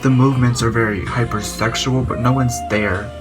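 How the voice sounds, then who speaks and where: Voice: medium pitch, steady tone, normal speed, music in the background. A sassy, blunt reaction video host giving catty, profane casual commentary.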